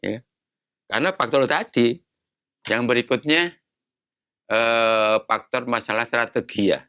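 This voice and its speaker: A man's voice: medium pitch, a little slow, bright, forceful tone, no room sound, clean studio sound. A man in his sixties, a retired navy admiral, explaining patiently in a casual interview and posing rhetorical questions. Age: 60s.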